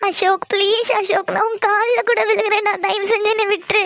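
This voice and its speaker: A woman's voice: extremely high pitch, level tone, a little fast, fairly bright tone, no room sound, studio quality. A woman voicing a frightened young college girl in a cartoon drama, tearfully pleading to be left alone.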